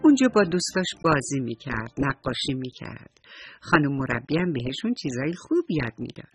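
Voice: mid-range voice, big pitch swings. A children's storyteller telling a story and speaking affectionately straight to the young listeners. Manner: affectionate, addresses children directly.

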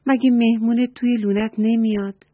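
A woman's voice: fairly high pitch, fairly even intonation, dry recording, pitched above the performer's own voice, lightly acted. A woman voicing a curious, eager little squirrel in a children's story, asking questions in a hurry. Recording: dull dry recording, soft music.

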